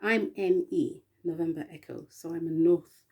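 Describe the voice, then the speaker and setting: An English woman speaking in a slow, meandering spiritual monologue, often spelling out letters and pausing with little laughs. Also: fairly low pitch, steady tone, dark tone, husky. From England.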